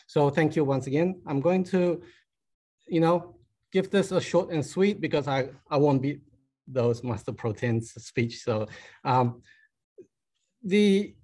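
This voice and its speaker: A man's voice: on the high side, slow pace, pauses often, darkish tone, husky. A man with a Malaysian accent giving an informal, chatty motivational business talk with a self-deprecating touch and short emphatic phrases. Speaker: conference guest speaker.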